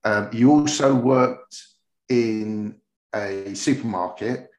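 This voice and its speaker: The host's voice is fairly low and slow as he chats with a guest, joking and rambling casually through the podcast interview. Echo from the room fills the recording.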